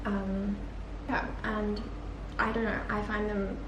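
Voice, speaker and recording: A young woman's mid-range voice is flat and slow, and croaky from just waking up, as she chats casually to camera in a day-in-the-life vlog. She stays upbeat, using many fillers. Clear background noise comes through in the echoey room.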